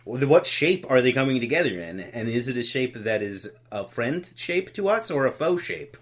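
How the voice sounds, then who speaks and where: A man co-hosting a podcast, chatting casually about a film with animated, jokey tangents. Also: mid-range voice, moderate pace. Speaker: podcast co-host. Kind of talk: casual comedic film review chat.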